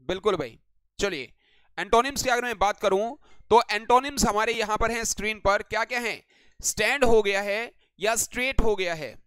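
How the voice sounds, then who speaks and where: A man's voice: high-pitched, moderate pace, sharp tone, clean tone, no room sound. An Indian man teaching English vocabulary in a live online class, greeting viewers by name and repeating each word as a question for the class.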